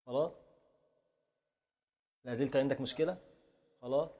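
A man teaching classical Arabic grammar in a classroom lecture, explaining slowly, repeating word forms and answering students' questions. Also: medium pitch, darkish tone.

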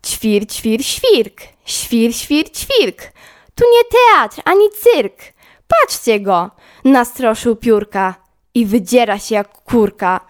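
A woman's voice: on the high side, lively intonation, slow. A woman voicing a cheeky little sparrow that scolds and chirps in a storybook poem. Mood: scolding.

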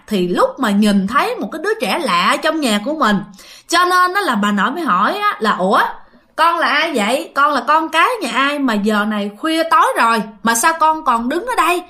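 A woman tells a ghost story in a casual, chatty way and keeps turning to her listeners. Her voice is fairly high and bright, and it rises and falls a great deal. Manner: chatty, addresses listeners directly.

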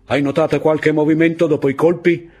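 A man playing an exalted, fanatical army captain who shouts at his soldiers in an audiobook reading. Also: fairly high pitch, level tone, brisk, breathy edge, pitched above the performer's own voice. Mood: tense, commanding.

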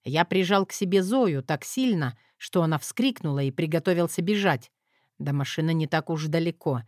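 A woman reading an audiobook in a steady first-person narration. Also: deep voice, moderate pace, no echo, studio quality. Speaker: audiobook reader.

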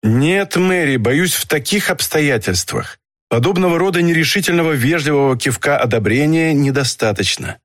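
A man's voice: a little high, expressive, moderate pace, fairly bright tone, dry recording, clean studio sound. A man reading an audiobook, voicing a brusque, commanding doctor. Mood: earnest. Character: middle-aged male doctor, brusque and commanding.

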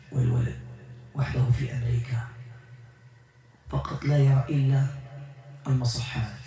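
A man leading a spiritual healing session, speaking to a patient with emphatic, repetitive exhortation that swings between loud appeals and whispers. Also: medium pitch, far from the mic. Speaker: ruqyah healer. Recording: echoey room from off-mic with faint music.

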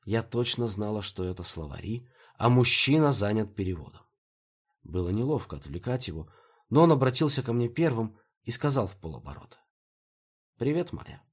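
Husky male audiobook narrator. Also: on the low side, lively intonation, brisk. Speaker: audiobook reader. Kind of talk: first-person fiction narration.

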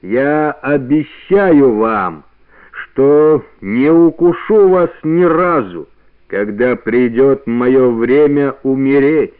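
A proud old wolf leader speaks with slow, stern dignity, as a male reader puts him on, building to solemn force. The sound is thin and boxy, like an old radio broadcast. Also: medium pitch, pitched above the performer's own voice. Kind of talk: radio play reading. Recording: narrow-band old radio recording.

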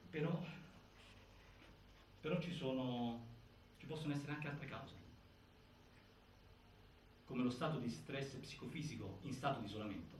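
Here a stage actor with a natural, mid-range male voice narrates an investigation into a death in prison, delivering the findings emphatically with stop-start pauses, like a theatrical documentary. The mood stays grave and insistent. Recorded at a distance on an indoor stage, the audio carries echo and theatre noise.

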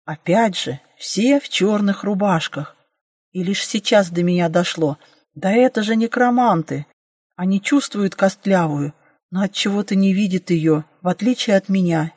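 A woman narrating a first-person fantasy audiobook in a lively, wry storytelling manner. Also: medium pitch, normal speed, no room sound, studio quality.

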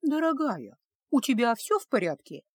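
A woman's voice: high-pitched, sing-song, normal speed. A woman voicing a chatty, fussy elderly neighbor who mumbles in a shaky voice, in a storybook reading. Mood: concerned.

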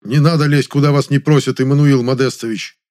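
Pompous theatre director, loud, huffy, indignant, as a male reader puts him on. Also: medium pitch, fairly even intonation, fairly quick, voice pushed up, lightly acted. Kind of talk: audiobook character voice.

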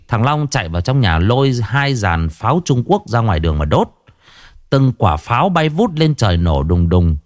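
A man narrating a story in a lively, expressive way, then chatting casually to listeners with many fillers. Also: mid-range voice, no room sound, studio quality.

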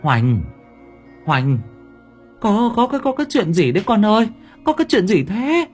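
A man's voice: high-pitched, sing-song, a little slow, husky, faint music behind, pitched above the performer's own voice, full character voice. A man voicing an anxious elderly mother who stammers with worry. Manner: worried, stammering.

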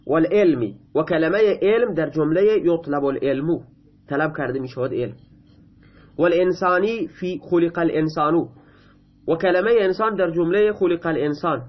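A husky, fairly high-voiced man working through a grammar lesson, reading a line of text and then patiently explaining it in his own words. He speaks Persian as his first language. The recording is a little muffled and lo-fi. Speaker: Arabic grammar teacher.

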